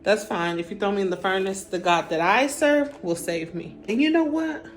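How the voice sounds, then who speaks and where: A woman voicing a calm, defiant young man who refuses to bow. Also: mid-range voice, normal speed, close to an everyday voice. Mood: nonchalant. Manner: nonchalant, firm.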